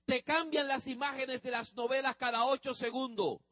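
A man's voice: extremely high pitch, steady tone, moderate pace, pushed and bright, no room sound. A male pastor preaching a sermon, speaking emphatically to the congregation and drawing out the ends of phrases.

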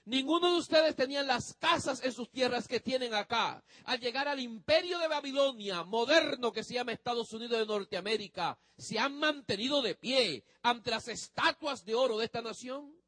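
A man's voice: extremely high pitch, expressive, moderate pace, hardly any pauses, pushed and bright, dry recording. A male pastor preaching a sermon, speaking emphatically to the congregation and drawing out the ends of phrases.

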